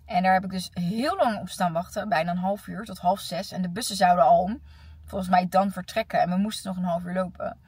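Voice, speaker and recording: A young Dutch woman, a teacher vlogging about her day, telling stories in a chatty, animated way. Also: fairly low pitch, fairly quick, breathy edge, no echo, recorded from a distance. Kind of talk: casual weekly vlog. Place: car and on the go.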